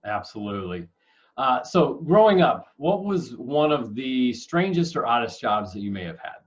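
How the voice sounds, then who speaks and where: A man's voice: medium pitch, big pitch swings, moderate pace, highs cut off. A young man hosting a casual interview for kids, friendly and upbeat with joking asides. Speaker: host, school staff member.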